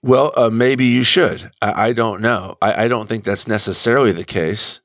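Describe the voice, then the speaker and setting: A middle-aged man speaks as a guest in a very deep voice, recorded dry and close. He talks thoughtfully, stopping and restarting as he searches for words. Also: moderate pace, no room sound. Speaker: guest commentator. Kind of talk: conversational radio talk.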